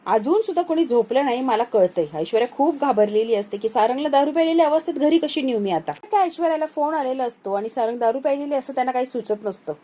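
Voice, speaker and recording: High-voiced Marathi woman retelling a serial. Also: expressive, fast talker, hardly any pauses, dark tone. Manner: switches between narration and acted dialogue of several characters. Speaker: serial episode recap narrator. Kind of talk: voice-over retelling of a TV serial episode, acting out lines.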